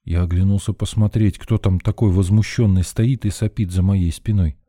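A man's voice: deep voice, steady tone, normal speed, dark tone, no room sound, clean studio sound. A man reading a first-person story in a tense, urgent narrating voice. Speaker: audiobook narrator.

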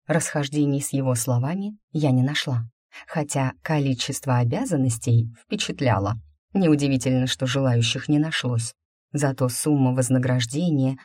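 A woman reading a first-person fantasy novel aloud, in a wry, even storytelling manner. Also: deep voice, no room sound, clean studio sound. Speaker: audiobook narrator.

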